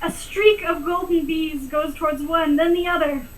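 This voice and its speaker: High-voiced woman game master. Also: steady tone, normal speed, rough recording. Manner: easygoing, laughs often. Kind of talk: narrating a tabletop game.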